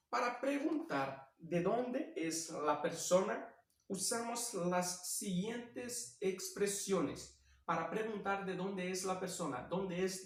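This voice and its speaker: Slow-talking man teaching Spanish. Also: high-pitched. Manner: slow and deliberate, repeats phrases, self-corrects, tags "ok?". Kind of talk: recorded video lesson. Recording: roomy echo, mic at a distance.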